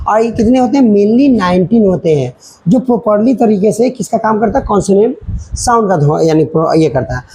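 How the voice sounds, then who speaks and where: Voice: medium pitch, warm tone, slight background noise, rough recording. A teacher giving a children's grammar lesson, repeating points and checking in often while mixing in English words.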